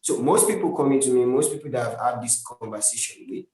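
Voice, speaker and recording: A man's voice: mid-range voice, quick pace, a little mellow. A man with a Nigerian accent, a brand strategist, explaining earnestly in a live-stream interview with many restarts and tag questions. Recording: echoey room.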